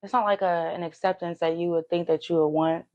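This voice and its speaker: Animated woman telling her story. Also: a little fast, dull audio. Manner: animated storyteller, rises high when excited. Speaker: guest. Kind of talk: casual storytelling interview.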